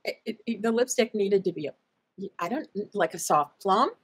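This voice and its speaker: A middle-aged woman talks through fashion picks in an easygoing chat. She is opinionated but halting, stumbling over restarts and fillers, at an ordinary middle pitch. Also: lively intonation, husky. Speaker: color analyst co-host. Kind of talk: casual fashion commentary chat.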